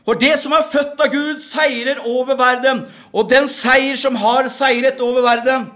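High-voiced fervent preacher man. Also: fairly even intonation, fairly bright tone. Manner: fervent, repeats words, punctuates with amen. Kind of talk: revival sermon testimony.

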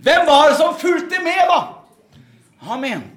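A man's voice: extremely high pitch, a bit bright. A man preaching a revival sermon and testimony, fervent, repeating words and punctuating with amen.

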